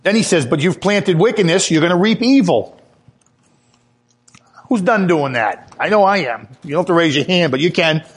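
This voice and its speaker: High-voiced man preaching earnest testimony. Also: lively intonation, normal speed, husky. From Italian heritage. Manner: earnest testimony, rises in pitch when emphatic. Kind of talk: sermon.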